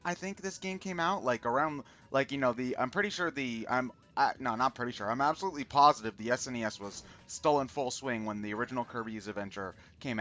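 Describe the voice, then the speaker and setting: A man hosting a gaming stream with casual commentary, talking in a rambling, halting way and often correcting himself. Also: medium pitch, pushed and bright. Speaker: host of a charity gaming stream. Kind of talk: casual video game commentary. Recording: game music behind the voice. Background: video game music.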